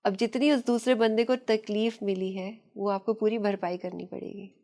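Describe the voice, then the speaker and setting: A woman's voice: medium pitch, steady tone, normal speed, warm tone. Woman explaining with storytelling ease. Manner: explains with stories, mixes in English phrases, laughs lightly. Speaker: past-life therapist, guest. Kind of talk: conversational podcast interview.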